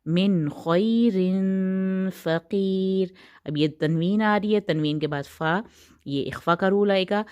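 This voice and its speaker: A woman teaching Quran recitation rules, explaining patiently and stretching the recited words out slowly. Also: fairly low pitch, highs cut off.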